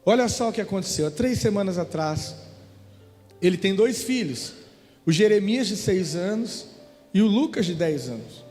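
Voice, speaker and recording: High-voiced Brazilian preacher in a church hall. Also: male voice, lively intonation, moderate pace, a little mellow. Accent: Brazilian Portuguese. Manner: storytelling preacher, emphatic repetitions. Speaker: pastor. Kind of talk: sermon. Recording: hall reverb with faint music.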